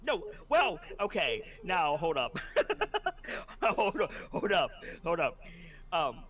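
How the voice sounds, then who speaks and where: A man playing a tabletop game, chatting and arguing points in an animated way. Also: fairly high pitch, husky. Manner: animated, quick to argue a point. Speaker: player. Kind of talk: casual chat at a game table.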